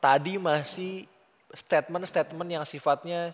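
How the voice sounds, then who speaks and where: A man's voice: on the high side, fairly even intonation, measured pace. An Indonesian-accented man tutoring Arabic in a casual lesson, patient and full of praise. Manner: patient, encouraging, praises often. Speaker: Arabic teacher. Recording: muffled audio with long reverb.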